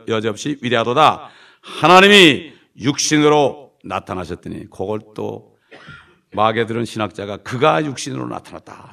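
A man's voice: mid-range voice, a bit bright. A man preaching a sermon with emphasis. He stretches out repeated phrases and drops to a mutter at the ends of lines. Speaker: pastor. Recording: distant gravelly room recording.

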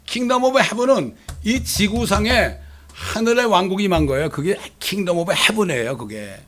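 Middle-aged male pastor, high voice, emphatic sermon delivery with rhetorical questions.

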